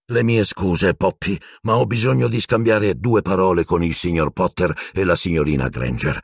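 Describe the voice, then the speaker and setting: Silente, a man doing a calm old wizard. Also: vocal fry, slightly rough, no echo, studio quality, exaggerated voice. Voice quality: slow, low and measured. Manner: calm, quiet authority. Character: calm, wise old male headmaster wizard.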